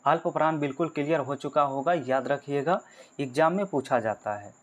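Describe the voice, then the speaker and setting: A man with a fairly high voice leads a grammar lesson for exam candidates at a moderate pace, addressing viewers as friends. He walks through each point step by step, repeats the key ones, and asks his listeners questions that he then answers himself.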